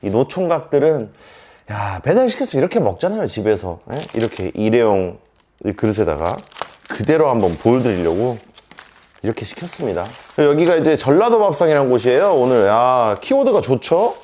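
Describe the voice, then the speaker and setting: Man in his 30s, mukbang vlogger, casual home chat, animated swooping voice, middle pitch. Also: moderate pace, a little hiss or hum. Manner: chatty, talks to viewers while eating. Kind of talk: casual eating vlog chat.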